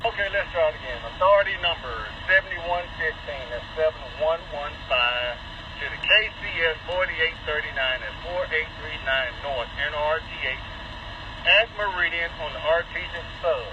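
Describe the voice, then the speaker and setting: A man's voice: a little high, moderate pace. A man on a train crew speaking over a two-way radio, methodically reading numbers back digit by digit. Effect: two-way radio transmission. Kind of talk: radio procedure talk. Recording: muffled radio with engine noise.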